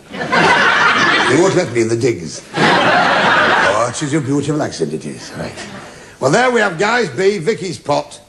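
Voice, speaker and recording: A man hosting a television game show in a studio, bantering with contestants and cracking puns. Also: mid-range voice. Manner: jokey, punning, teasing contestants. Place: TV studio with a live audience. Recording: loud audience and noisy broadcast sound.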